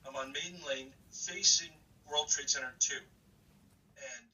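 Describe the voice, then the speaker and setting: A man recounts a harrowing day in halting, restarting sentences. His voice is very bright and edged. He sits some distance from the microphone. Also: a little high. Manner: halting, repeats words, restarts often. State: slightly hyperventilating. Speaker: interviewee recalling a disaster. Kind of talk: emotional first-person account.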